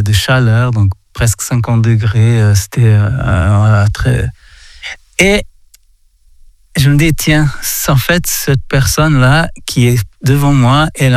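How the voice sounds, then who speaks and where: Halting, reflective man in a dry room. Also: mid-range voice, dry recording. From Portugal. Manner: halting, many restarts and repeated words. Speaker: speaker sharing a reflection. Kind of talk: reflective faith talk.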